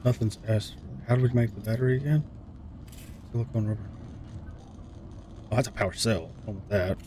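Faint game noise sits behind a mellow, fairly low male voice moving a little quickly. The speaker, a gaming streamer in his thirties recording in a small room at home, offers laid-back, casual commentary, thinking aloud and frequently muttering to himself.

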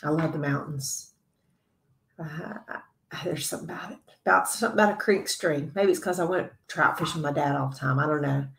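A woman giving a devotional Bible teaching to other women, earnest and conversational, sometimes dropping to a soft whisper. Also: low-pitched, a little fast, creaky, echoey room.

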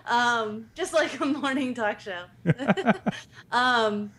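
A woman's voice: a little high, extremely slow, fairly bright tone. A woman co-hosting a podcast in casual tech chat, talking chattily with frequent ums and giggles. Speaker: podcast co-host.

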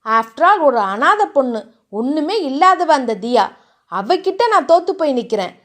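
A woman voicing a jealous, scheming young rival who talks bitter and sharp. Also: high-pitched, very animated, normal speed.

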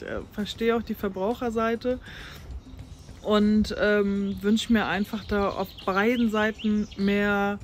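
A 30-something farm blogger from North Frisia in northern Germany chats informally for an interview, outdoors on a farm lawn beside a brick farmhouse. Her mid-range voice has a darkish tone, with slight background noise. She laughs easily and rambles chattily, with many fillers and restarts.

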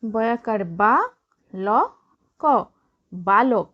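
A woman teacher from Bengal, slowly spelling out words letter by letter for young children and adding encouraging remarks. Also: mid-range voice, steady tone, dull audio. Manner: slow, drawn-out letter-by-letter spelling with encouraging asides.

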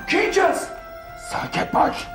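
An actor playing a frantic captive man who shouts accusations at the people holding him, in a TV crime drama. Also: roomy sound, distant mic, loud music behind the voice, close to an everyday voice. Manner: shouting, accusing, wildly rising voice. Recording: drama score under the voice.

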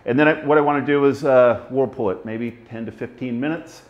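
Easygoing brewer, slightly muffled. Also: male voice, medium pitch, a little fast. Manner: easygoing, fumbling a little, self-deprecating. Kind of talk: casual equipment demonstration. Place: brewery floor among steel tanks, indoors. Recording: slightly dull, muffled sound.

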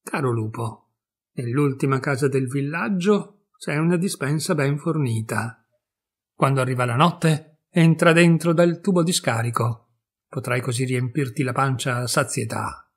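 A man voicing a tiny, bold and cheeky boy hero who shouts and boasts, in a storybook reading. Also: mid-range voice, unhurried, breathy edge. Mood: pleading.

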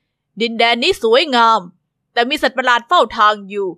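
A woman voicing a pompous, stately, self-admiring king in an animated story. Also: fairly high pitch, normal speed, dry recording, clean studio sound, voice pushed down. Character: grand, self-admiring king of a fairy-tale land.

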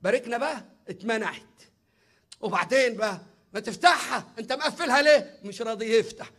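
Middle-aged Egyptian preacher, very high and bright voice, emphatic and often shouting at the congregation. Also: male voice, a little fast. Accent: Egyptian Arabic. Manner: emphatic, often shouting, addressing viewers directly. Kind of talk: sermon.

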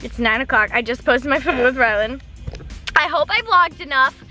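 A teenage girl vlogging casually into a handheld phone camera, bubbly and excitable. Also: sits high, normal speed, faint music behind. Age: teens. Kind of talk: casual vlog. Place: car interior.

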